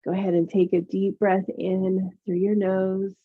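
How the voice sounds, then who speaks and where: A woman teaching yoga and meditation, guiding relaxation in a gentle, soothing murmur with pauses. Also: medium pitch, flat delivery, husky. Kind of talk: guided meditation instruction. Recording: phone-like narrow-band sound.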